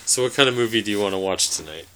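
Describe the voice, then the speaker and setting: A man's voice: fairly low pitch, rapid-fire. A man co-hosting a casual home podcast, laid-back and swearing, recorded on a phone. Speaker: podcast co-host. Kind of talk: casual chat. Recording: phone recording with faint noise.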